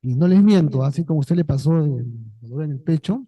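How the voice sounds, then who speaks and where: A man's voice: on the high side, animated, a little fast, no echo, highs cut off. A man, a priest, giving a talk to a parish group in a casual way, often checking in with the listeners. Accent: Peruvian Spanish. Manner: conversational, checks in with "¿no?" and "¿ya?". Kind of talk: pastoral talk with audience.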